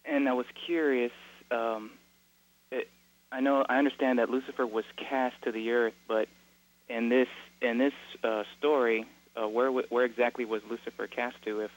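A man calling in over the phone, halting and searching for words as he asks about a Bible study. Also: medium pitch, level tone. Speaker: caller. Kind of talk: caller asking a Bible question. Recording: muffled phone line.

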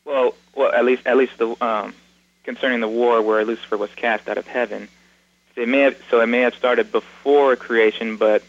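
A man calling in over the phone, halting and searching for words as he asks about a Bible study. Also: mid-range voice, fairly even intonation. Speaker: caller. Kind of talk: caller asking a Bible question. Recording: muffled phone line.

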